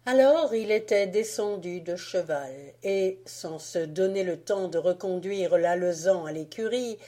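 A woman calmly reading a classic tale aloud as an audiobook narrator. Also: lowish voice, measured pace. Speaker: audiobook reader. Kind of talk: scripted narration.

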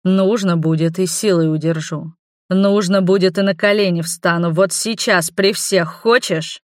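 A woman's voice: lowish voice, moderate pace, no echo, clean studio sound, natural voice. A woman voicing a passionate young man who insists on his love in a storybook reading. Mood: insistent pleading.

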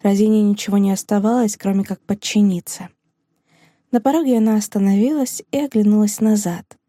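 A woman narrates a novel in a measured, even audiobook delivery. Her voice is mellow and dark in tone, mid-pitched, and recorded very dry and close to the mic. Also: dry recording.

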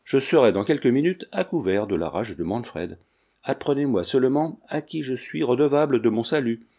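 A man's voice: medium pitch, lively intonation, normal speed, warm tone. A man voicing a young noble princess who is fleeing in fear, with an urgent, pleading voice. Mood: earnest.

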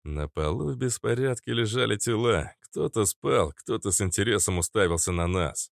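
A male narrator reading an audiobook with a lively, varied pitch. The recording is close and dry, with no room sound. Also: normal speed, creaky, no room sound.

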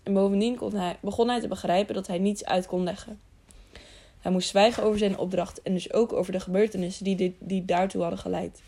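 Woman narrator, steady storytelling, mellow tone with a gravelly edge. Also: mid-range voice, fairly quick. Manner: steady storytelling, slight stumbles. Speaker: audiobook narrator. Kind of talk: scripted narration.

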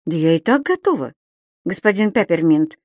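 A woman's voice: lowish voice, very animated, moderate pace, darkish tone, no room sound. A woman voicing a fussy, reproachful female secretary who nags and frets. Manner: reproachful, fussing.

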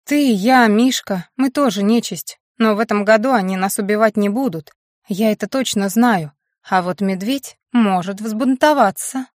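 A woman's voice: medium pitch, normal speed, a little mellow, no echo, studio quality, natural voice. Woman doing a teasing capricious witch.

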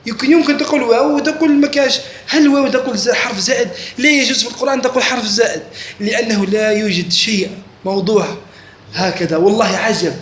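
Speaking fast in a very high, slightly bright voice, a religious teacher leads a class lesson and keeps checking that his students understand by asking questions. Faint noise is audible in the echoey room.

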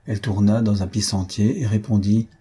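A man reading a classic novel aloud in a measured, even narration. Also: on the low side, breathy edge. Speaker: audiobook reader.

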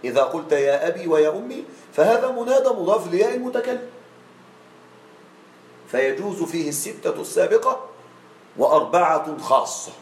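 A man with a fairly high voice teaches grammar in a classroom lesson. He stretches out each example form slowly and keeps checking that the students follow. The room sounds echoey and hollow. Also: sing-song, a little hiss or hum. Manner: checks on students with frequent questions; drawn-out slow spelling of example forms.

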